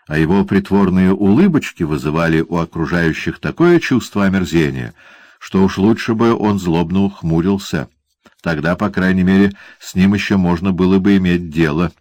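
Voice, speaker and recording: A man narrating a classic novel as an audiobook, in an expressive storytelling manner. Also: sits low, no echo. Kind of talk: scripted narration.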